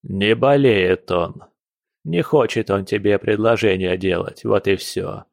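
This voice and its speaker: A man's voice: fairly low pitch, a little slow, creaky, dry recording, clean studio sound. A man voicing a stern, commanding aristocratic father at the head of his family.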